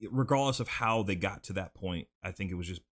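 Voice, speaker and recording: Deep-voiced and a touch bright, this young podcast host talks a little fast as he wanders through a long casual story, full of restarts and frequent "like" fillers. The studio mic points slightly off-axis.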